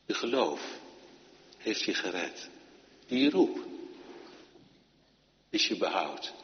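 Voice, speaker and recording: A man preaching a sermon, emphatic, moving between loud urging and quiet, intimate passages. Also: fairly low pitch, very animated, drawn-out words, a little hiss or hum. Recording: dull lo-fi sound with long hall reverb.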